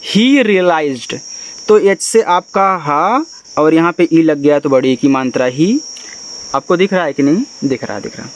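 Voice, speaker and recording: Man, English teacher, spells words letter by letter, patient explaining, fairly high voice, faint crickets behind. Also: normal speed, slight background noise. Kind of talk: spoken language lesson.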